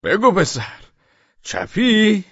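A brutal police officer shouts his questions, voice pushed high and hard, as a man puts him on. The tone is gravelly and husky. The whole thing sounds dull and lo-fi. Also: wildly swooping pitch, no echo, heavily acted. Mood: taunting. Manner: barking, interrogating.

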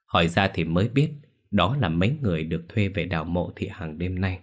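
A male storyteller reading a ghost story in a steady, measured way. His voice sits very low and deep, and the telling is scripted.

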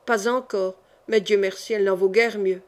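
A woman's voice: medium pitch, fairly even intonation, normal speed, lightly acted. A matter-of-fact man from a street crowd, voiced by a woman reader, giving short, blunt answers. The voice is plain and everyday. It is an audiobook reading.

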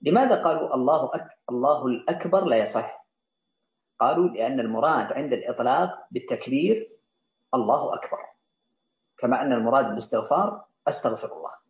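A man's voice: medium pitch, expressive, quick pace. A man teaching a classical legal text, reading out each line and then restating and explaining it for his students. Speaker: teacher of Islamic jurisprudence. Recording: roomy, slightly dull sound.

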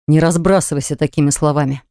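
A woman lowering her voice for an insistent young man. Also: steady tone, fast talker, dark tone, dry recording, studio quality. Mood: sulky. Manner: earnest, pleading, sulky. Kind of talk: audiobook dialogue.

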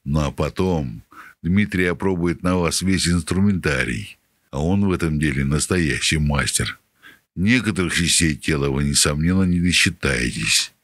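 A man's voice: very deep voice, normal speed, a bit bright, no echo, clean studio sound, pitched below the performer's own voice. A man voicing a cold, menacing debt-collector boss who makes polite threats.

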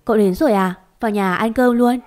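A woman's voice: a little high, quick pace, a little mellow, close to an everyday voice. A woman voicing a comforting older village man who welcomes guests and reassures his wife.

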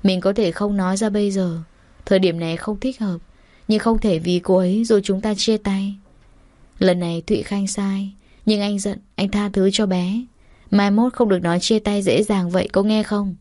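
A woman's voice: medium pitch, steady tone, moderate pace, mellow, lightly acted. A woman reader voicing a doting young man who coaxes and soothes his girlfriend as if comforting a child. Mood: soothing. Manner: coaxing, soothing like talking to a child.

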